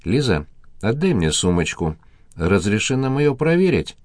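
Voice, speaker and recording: A man voicing a calm, gallant man in charge, speaking decisively, polite but insistent. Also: on the low side, a little slow, no echo, clean studio sound.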